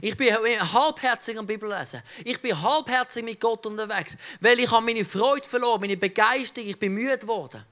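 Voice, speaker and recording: A man's voice: high-pitched, normal speed, few pauses, bright, forceful tone. A male preacher giving a sermon, speaking directly and conversationally to his listeners. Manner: direct, conversational address to the audience.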